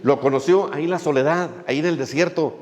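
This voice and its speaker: A man's voice: a little high, fast, a little mellow, long reverb tail. A male pastor, preaching a sermon in a folksy way, with many fillers and little jokes as he tells a story.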